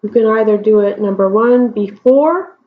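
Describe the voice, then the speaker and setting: This woman speaks at a medium pitch while leading a Spanish grammar lesson, with slight background noise behind her. Her explanations are slow and deliberate, broken up by frequent check-ins with students, and the audio sounds dull and lo-fi.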